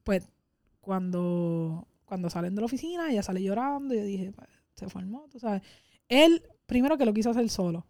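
A woman's voice: medium pitch, animated, normal speed, darkish tone, dry recording, studio quality. A woman telling workplace anecdotes in casual conversation, now and then slipping English words in. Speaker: podcast co-host. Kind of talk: casual storytelling chat.

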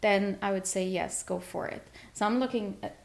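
A woman in her thirties from Guyana, guesting on an interview about her real estate work. She talks quickly and energetically, restarting phrases as she goes, in a mid-range voice. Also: mid-range voice, vocal fry.

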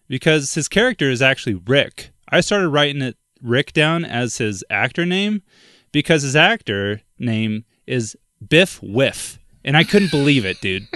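This young podcast co-host has a fairly high, slightly bright voice, and the studio-quality recording has no room sound. He talks casually about a film, peppering his speech with "like" and "dude" and laughing frequently.

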